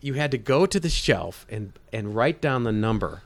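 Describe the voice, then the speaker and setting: A man's voice: lowish voice, expressive, moderate pace, gravelly. Man in his fifties explaining at length. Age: 50s. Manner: rambling explanations with many restarts. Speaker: guest, state agency head. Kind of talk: casual interview chat.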